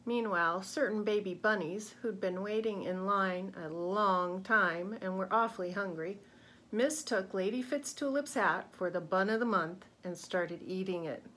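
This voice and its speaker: A woman reading a children's picture book aloud, expressive and pausing to ask young listeners questions. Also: mid-range voice. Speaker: read-aloud narrator.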